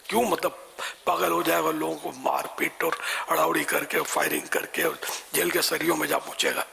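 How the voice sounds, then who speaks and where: An older man answering religious questions in a folksy, conversational way, quick to laugh. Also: a little high, gravelly, bright, forceful tone, a little hiss or hum.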